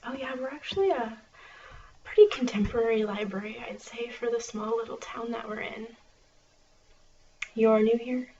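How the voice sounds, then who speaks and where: A woman doing an ASMR role-play as a friendly, chatty small-town librarian, speaking in a soft, murmured library soft voice. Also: fairly high pitch, normal speed, pauses often. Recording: distant, muffled, clearly noisy recording.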